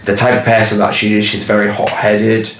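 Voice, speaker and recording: A man's voice: on the low side, monotone, a little fast, a bit bright, slight background noise. Candid young man. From Hull, England. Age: 20s. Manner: candid, casual, swears freely. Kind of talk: documentary interview. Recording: roomy sound with background music.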